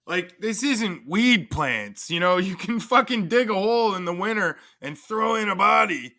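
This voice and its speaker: A man's voice: high-pitched, expressive, moderate pace, creaky, sharp tone. A man hosting a livestream, crudely and profanely mocking in a casual rant. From Canada. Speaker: livestream host.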